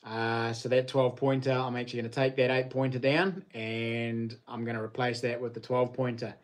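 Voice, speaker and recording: A man's voice: medium pitch, level tone, normal speed. A middle-aged man with a broad New Zealand accent, chatting casually and matily to viewers as a livestream host, in a laid-back, slangy way. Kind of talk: casual chat to live viewers. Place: living room at home.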